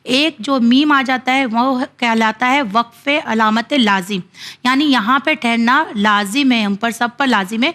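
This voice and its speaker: A woman with a somewhat high voice teaches a children's Quran recitation lesson. She explains each rule patiently and step by step. She draws out her example readings slowly. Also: fairly bright tone.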